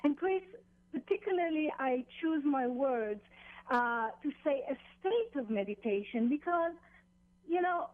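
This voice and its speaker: A woman with a high voice speaks as a guest teacher over a narrow telephone line. She explains things deliberately, pausing and repeating phrases, with no room echo. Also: lively intonation. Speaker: meditation teacher, phone interview guest. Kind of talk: explanatory radio interview, spiritual instruction. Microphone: phone.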